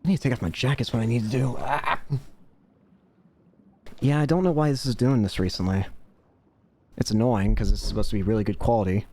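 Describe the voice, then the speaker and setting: A man's voice: medium pitch, a little fast, pauses often, warm tone. A man giving casual, offhand video game commentary, rambling to himself, with some static on the mic.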